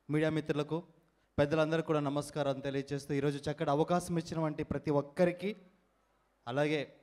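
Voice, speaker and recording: A man with a fairly high voice addresses an awards audience in a formal, ceremonious tone. His sentences are long and flowery, full of respectful greetings, as he introduces his act. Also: darkish tone. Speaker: mimicry artist. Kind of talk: formal stage speech.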